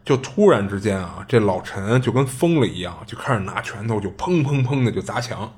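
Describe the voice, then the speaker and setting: Low-voiced man telling a ghost story. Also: lively intonation, a little fast, darkish tone. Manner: chatty, colloquial, with many filler restarts. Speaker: podcast host.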